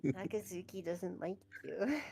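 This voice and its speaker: Low-voiced woman game master. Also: a little slow, vocal fry. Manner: relaxed, laughing, teasing the players. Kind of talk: running a tabletop game on stream. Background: background music.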